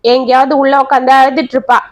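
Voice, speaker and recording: A woman voicing a young husband who speaks calmly and explains himself steadily. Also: high voice, fast talker, lightly acted. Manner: calm, explaining. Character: young husband, calm and firm.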